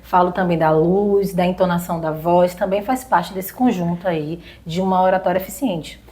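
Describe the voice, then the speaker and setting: A woman's voice: lowish voice, normal speed, mellow. A woman with a Brazilian accent interviewing a guest, conversational and asking leading questions. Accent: Brazilian Portuguese.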